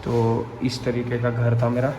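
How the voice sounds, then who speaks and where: A man's voice: medium pitch, monotone, a little slow, background noise. A young man casually showing viewers around the empty old house he grew up in, chatting to them like friends. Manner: chatty, addresses viewers as bhai. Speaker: vlogger. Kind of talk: casual home tour vlog.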